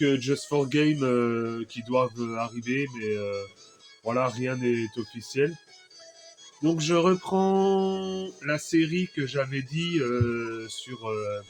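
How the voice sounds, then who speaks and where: A man's voice: mid-range voice, a little mellow. A French man chatting casually about an old video game, rambling with many fillers and restarts. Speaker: retro game collector vlogger. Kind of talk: casual chat.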